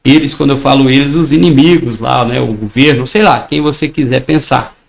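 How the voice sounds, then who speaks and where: A Brazilian man in his forties, with a Brazilian Portuguese accent, teaches an online exam-prep lesson. His mid-range voice is creaky and a little fast. He speaks persuasively, posing questions and then answering them himself.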